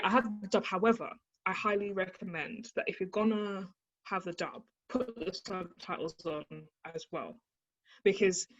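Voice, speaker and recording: Chatty young woman, lo-fi sound. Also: fairly low pitch. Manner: chatty, animated, lots of fillers. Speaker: guest, anime fan. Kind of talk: casual interview chat. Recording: slightly dull lo-fi audio.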